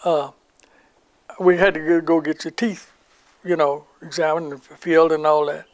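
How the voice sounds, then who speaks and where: A man's voice: fairly high pitch, little pitch movement, moderate pace. An older man recounting his wartime army memories in an oral history interview, rambling and acting out the voices of people he quotes.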